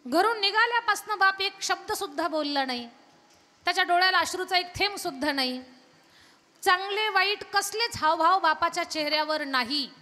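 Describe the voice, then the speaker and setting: A woman's voice: very high-pitched, lively intonation, moderate pace, pushed and bright. A woman kirtan preacher telling a devotional story with emphatic, rhythmic strings of phrases, at a live event in a large temple hall. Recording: long hall reverb from a PA.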